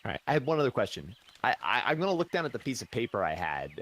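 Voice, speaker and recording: A man's voice: medium pitch, very animated, racing, fairly bright tone. A man playing a tabletop game, speaking eagerly and stammering as he chats in character. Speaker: player.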